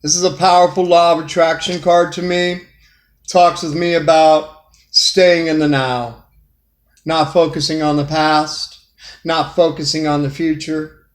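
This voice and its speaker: A man gives a relaxed tarot reading, speaking straight to the viewer in a folksy, repetitive way. His voice sits a little high. The room around him sounds echoey. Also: measured pace. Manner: folksy, repeats phrases, talks straight to the viewer. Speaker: tarot reader.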